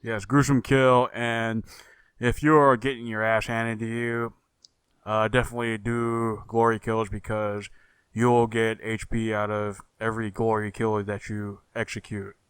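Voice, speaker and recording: A man co-hosting a casual gaming podcast, talking in a slow, agreeable and hesitant way. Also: lowish voice, level tone, a bit bright, clean tone, dry recording. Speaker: podcast co-host.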